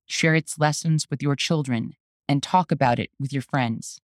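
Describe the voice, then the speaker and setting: Host for a spoken essay: an earnest, urgent activist voice, mid pitch, dry close sound. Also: moderate pace, no room sound. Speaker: activist and journalist hosting the show.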